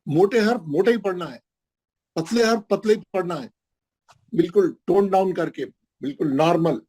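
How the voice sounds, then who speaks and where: A middle-aged man teaching Quran pronunciation in an online class, patiently repeating each sound slowly for his pupils. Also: high voice, dark tone, husky, rough recording. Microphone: video call.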